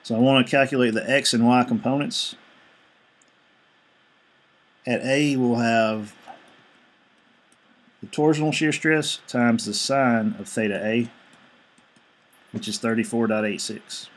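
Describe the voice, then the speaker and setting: A man recording a screencast lecture on a desktop mic, talking through calculations one step at a time. His voice sits at an ordinary middle pitch, and he reads figures aloud in a steady, matter-of-fact way. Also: unhurried, pauses often. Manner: steady step-by-step explaining, reading out numbers. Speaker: engineering instructor.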